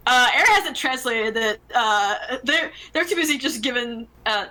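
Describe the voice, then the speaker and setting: A woman playing in a tabletop game, speaking hesitantly with many pauses and fillers. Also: on the high side, animated, sharp tone, rough recording. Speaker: player. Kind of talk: casual tabletop play.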